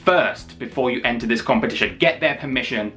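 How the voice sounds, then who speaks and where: A man in his thirties hosting a video, making an enthusiastic announcement to camera with energetic, hammy emphasis and drawn-out phrases. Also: mid-range voice. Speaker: YouTube wrestling channel host. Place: small indoor room with posters. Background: music.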